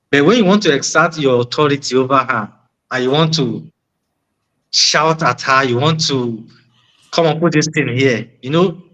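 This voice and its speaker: A man's voice: medium pitch, a bit bright, poor audio. A man with a West African accent gives conversational relationship advice, repeating key words for emphasis and posing rhetorical questions. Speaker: panel discussion participant.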